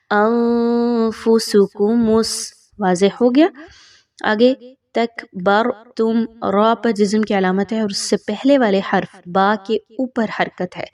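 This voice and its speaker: Female tajweed teacher, patient explainer, mid-pitched voice, a little distant from the mic. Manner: explains patiently, then recites slowly and louder. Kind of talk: recitation lesson with explanations.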